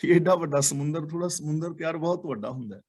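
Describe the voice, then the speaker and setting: A man's voice: a little high, fast, darkish tone, close to an everyday voice. A man voicing a male sea frog in a parable, telling of the sea in a friendly, matter-of-fact way. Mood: amused.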